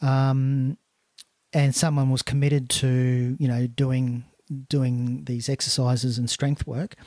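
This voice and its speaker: A man's voice: medium pitch, flat delivery, slow pace, a little mellow, dry recording. A man hosting a casual interview, asking questions tentatively and rephrasing them as he goes. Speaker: podcast host.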